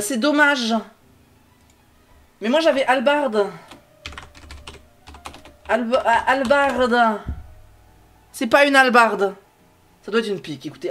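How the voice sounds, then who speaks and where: A man's voice: extremely high pitch, a bit bright. Man, game streamer, live gameplay commentary, rambling, hesitant, lots of fillers, jokey, sidetracked, at his computer. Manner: rambling, hesitant thinking aloud, many fillers and restarts; jokey, self-talking, easily sidetracked. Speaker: streamer playing a mystery game.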